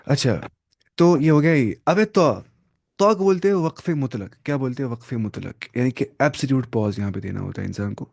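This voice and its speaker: A man's voice: medium pitch, expressive, gravelly, darkish tone, no echo, studio quality. A man teaching Quran reading in a live online class over a video call, patient and repeating each term. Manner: patient, explains by repeating terms. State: sleepy.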